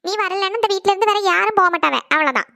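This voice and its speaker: A fussing, scolding cartoon mother, as a woman puts her on. She scolds quickly in a clear, high voice. The recording is dry and close. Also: bright, forceful tone, dry recording, heavily acted. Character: scolding worried middle-aged village mother. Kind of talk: cartoon voice acting.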